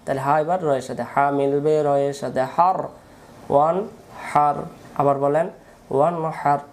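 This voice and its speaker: Man, Quran reading teacher, slow repetitive spelling drill. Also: fairly high pitch, fairly even intonation. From Bangladesh. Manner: patient, repetitive syllable-by-syllable drilling.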